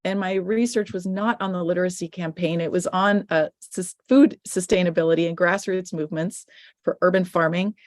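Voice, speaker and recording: A woman's voice: lowish voice, steady tone, normal speed, dry recording, studio quality. A middle-aged woman, a filmmaker answering questions in an online panel, speaking thoughtfully and restarting phrases. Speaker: guest filmmaker.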